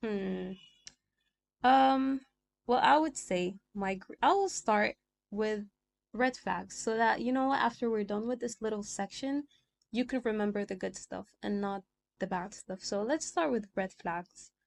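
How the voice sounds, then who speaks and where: A young adult from Sudan rambles chattily on her solo podcast, skipping between thoughts, in a creaky medium-pitched voice at a measured pace. Arabic is her native language, her accent mixes American and British, and she records on a small desk mic.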